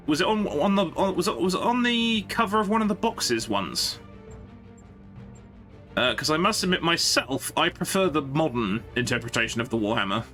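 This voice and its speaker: A man's voice: medium pitch, pushed and bright. A man chatting casually on a game live stream, rambling and thinking aloud to his viewers.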